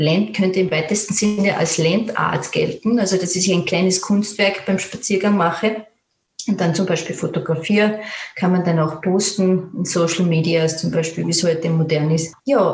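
A woman, a creative therapist who gently leads a guided imagery exercise and then answers interview questions calmly. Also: mid-range voice. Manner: calm, gentle, with fillers and restarts. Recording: roomy echo.

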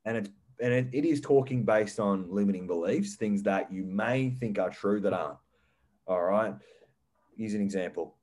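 A man's voice: lowish voice, normal speed, a little mellow. A young man hosting a casual motivational chat, emphatic and breaking it up with laughs and frequent "all right"s. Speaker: podcast host.

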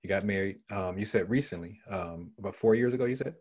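Here a man hosts a podcast interview in a conversational style, talking fast in a deep, somewhat mellow voice with a breathy edge. He asks sprawling questions, restarting often and repeating words.

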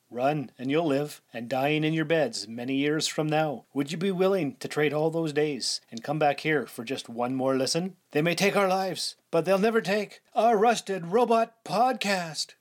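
Rusted Robot, a towering rusty robot, voiced by a man. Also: fairly high pitch. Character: seven-foot-tall rusty robot podcast mascot. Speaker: podcast promo voice. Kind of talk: parody movie-speech promo.

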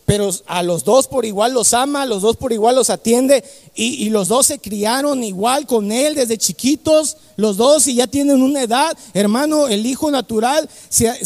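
A man's voice: extremely high pitch, darkish tone, in a large hall. A man preaching a fervent sermon, repeating key phrases and calling the congregation 'brother'.

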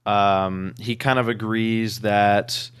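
A man with a low voice talks through a short story on a casual book podcast. He rambles a little, fills gaps with ums and likes, and circles back on himself. The sound is dry and close. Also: fairly even intonation, slow pace, a bit bright, clear, resonant tone, dry recording. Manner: rambling retelling with many fillers. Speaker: podcast co-host.

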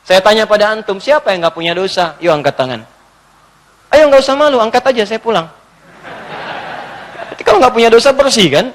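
Brief: male preacher, high voice, animated sermon delivery, loud urging dropping to hushed, long reverb. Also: fairly quick, long pauses, slight background noise. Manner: animated preaching, questions the audience, swings from emphatic to hushed.

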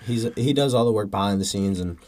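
A man's voice: on the low side, fast, a little mellow. A young man co-hosting a casual sports podcast, talking like a slangy, hyped frat bro who swears freely. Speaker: podcast co-host.

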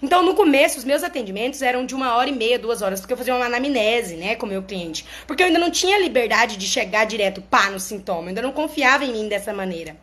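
A woman's voice: a little high, lively intonation, quick pace, hardly any pauses, fairly bright tone. A woman speaks as a therapist in a casual monologue to her followers. She explains things in a chatty way and often checks in with her listeners.

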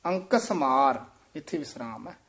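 A man teaching scripture recitation, chanting verses slowly and breaking off to correct how words are pronounced. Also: medium pitch, lively intonation, fairly bright tone. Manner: slow, careful chanting with quick spoken corrections. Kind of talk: recitation lesson, correcting pronunciation.

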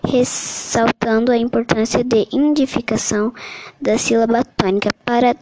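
A woman reading a Portuguese grammar summary aloud as a lesson, halting often and correcting her own slips. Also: a little high, fairly even intonation, a little mellow, rough recording. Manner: slow, halting reading with restarts and self-corrections. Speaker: teacher reading a study summary.

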